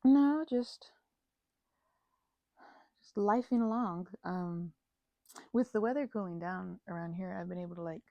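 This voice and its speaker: This woman speaks on the low side, unhurried, with vocal fry and long pauses. She plays a best friend in a casual ASMR roleplay, chatting in a rambling, conversational way and breaking off her own thoughts. There's no room sound, and the audio comes across muffled.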